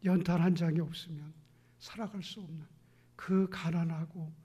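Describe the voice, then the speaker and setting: A male pastor preaching an evening church sermon, asking the congregation questions and answering them himself, dropping to near-whispers and rising to loud exclamations. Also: on the high side, steady tone, normal speed, breathy edge.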